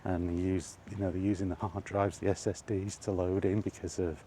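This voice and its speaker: This is a male vlogger on an outdoor walk under the trees, chatting and rambling with wry grumbles. His voice is low and warm, level in tone, at a normal speed. The recording picks up faint outdoor ambient noise.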